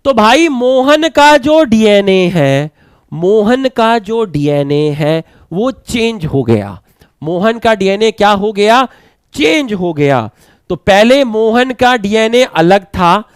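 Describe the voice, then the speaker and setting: Male teacher, slow repeated dictation, smooth clear voice. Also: sits high, big pitch swings, dry recording. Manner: repeats phrases slowly for note-taking, mixes English terms. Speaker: biology teacher. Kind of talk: lecture, dictating notes.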